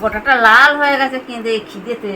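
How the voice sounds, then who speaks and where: High, quick woman talking off-mic. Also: bright, forceful tone, slight background noise, low-quality recording.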